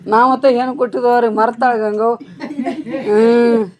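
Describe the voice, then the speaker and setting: A woman preaches at a devotional gathering, telling a story and answering her own questions. Her delivery swings between hushed passages and loud, emphatic ones. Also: a little high, level tone, normal speed, crowd noise. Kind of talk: devotional sermon. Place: ashram gathering.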